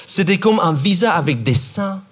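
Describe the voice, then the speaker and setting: A man from New York doing a stand-up comedy set in French with an American accent, animated and mock-outraged, with sudden shouts and sing-song asides. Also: high voice, normal speed, very noisy. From New York, USA. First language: English. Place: theater stage.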